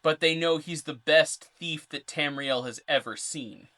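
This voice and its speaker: A man's voice: a little high, unhurried, sharp tone. Male podcast co-host, casual, rambling lore explainer. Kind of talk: casual chat.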